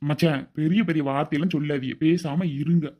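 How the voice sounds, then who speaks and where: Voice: mid-range voice, fairly even intonation, quick pace, dull audio, noisy background, lightly acted. Someone voicing a hearty generous cartoon man. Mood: hearty reassuring. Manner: hearty, reassuring, offers help. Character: generous adult man, Mustafa, cartoon relative. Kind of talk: cartoon voice acting.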